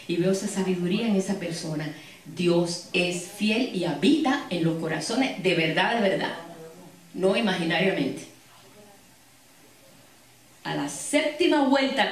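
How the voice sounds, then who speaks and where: A woman preaching a sermon and telling stories to her congregation with frequent asides. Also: mid-range voice. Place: church hall. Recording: echoey hall, distant mic.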